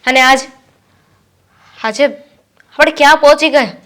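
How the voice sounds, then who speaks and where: A woman's voice: sits high, a little slow, a bit bright. An actress playing a young student daughter who reproaches her father firmly and is set on finishing her studies. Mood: reproachful. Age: young adult. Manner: reproachful, firm. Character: student daughter, resentful and determined. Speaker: daughter studying to be a pilot. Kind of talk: Gujarati short-film acting.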